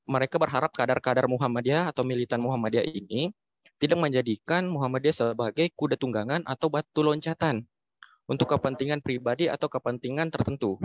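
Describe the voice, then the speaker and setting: A man's voice: medium pitch, dry recording. A man from South Sulawesi speaking on a panel over a bad-connection video call, explaining things with frequent hesitations. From South Sulawesi, Indonesia. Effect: muffled video-call audio on a bad connection. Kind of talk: discussion on an online call. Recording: dull dry call audio.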